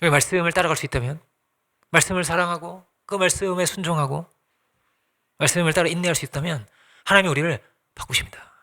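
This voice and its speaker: A man's voice: fairly high pitch, fast, long pauses, pushed and bright. A man pastor preaching a sermon in a conversational way, asking the congregation questions and acting out little quoted exchanges.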